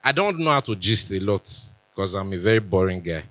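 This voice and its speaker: A young Nigerian man with a Benin accent gives a chatty talk on a conference stage, joking and slipping into pidgin asides. His low-pitched voice is sing-song, fairly quick and a bit bright, in a dry recording.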